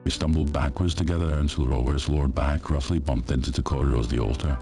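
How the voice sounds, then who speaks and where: A man narrating a first-person horror story in a steady, measured way. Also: extremely low pitch, soft background music.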